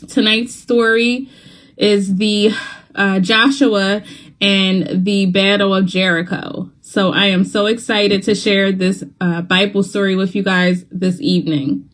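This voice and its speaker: A woman hosting a children's Bible club livestream in a casual, halting way, her mouth slightly numb from dental work. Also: mid-range voice, flat delivery, a bit bright. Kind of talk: casual livestream welcome to young viewers.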